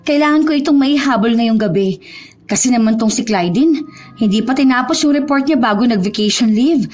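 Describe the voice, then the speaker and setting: A woman's voice: on the high side, fairly quick, darkish tone, soft background music, lightly acted. A woman voicing a busy young girlfriend who talks in an irritated, dismissive way in a dramatized story. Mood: annoyed.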